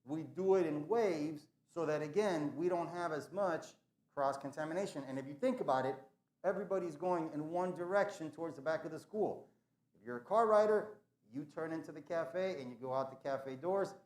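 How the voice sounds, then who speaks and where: A man's voice: a little high, moderate pace, a little mellow. Earnest man making school announcements, echoey. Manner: earnest, emphatic, repeats phrases. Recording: echoey room.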